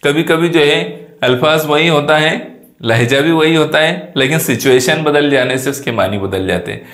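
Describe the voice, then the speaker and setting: A man's voice: normal speed, fairly bright tone. Man teaching a lesson in an echoey room. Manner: explanatory, rises in pitch to stress points. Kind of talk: classroom lesson.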